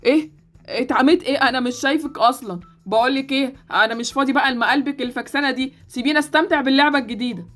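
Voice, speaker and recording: A woman voicing a loud, excitable gamer boy with an Egyptian Arabic accent. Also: sits high, rapid-fire, faint music behind. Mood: dismissive. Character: boy Sultan, gamer and brother figure.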